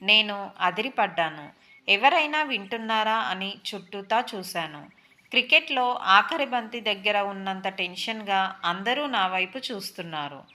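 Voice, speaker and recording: Bright-voiced woman narrating a story. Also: mid-range voice, a little slow. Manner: expressive, dramatic. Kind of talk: first-person story narration.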